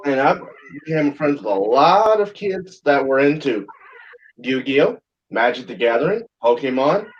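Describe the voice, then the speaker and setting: A man's voice: mid-range voice, big pitch swings, unhurried, a little hiss or hum. A man hosting a livestream, chatting in a rambling, blunt and crude joking way. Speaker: livestream host. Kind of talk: rambling casual chat. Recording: dull lo-fi sound.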